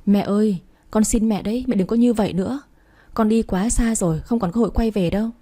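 A woman's voice: medium pitch, a little fast, dark tone, natural voice. Woman reading as a resigned, sighing young man. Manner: sighing, apologetic.

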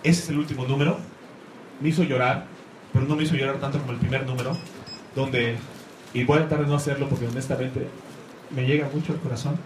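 A man's voice: medium pitch, fairly even intonation, fast, long pauses. A man giving an enthusiastic talk about comics to a live audience, rambling and searching for words. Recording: echoey room, faint noise.

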